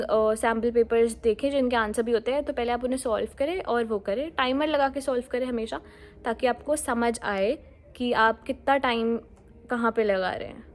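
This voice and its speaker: A woman giving casual, friendly exam-prep advice straight to viewers, mixing English words into her talk. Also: fairly high pitch. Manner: mixes Hindi with English words, friendly and direct.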